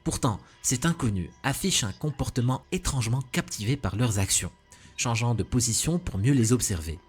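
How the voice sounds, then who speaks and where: A man's voice: medium pitch, normal speed, husky, faint music behind. A man reading scripted, formal narration for a compilation of eerie videos. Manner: even, formal, ominous phrasing.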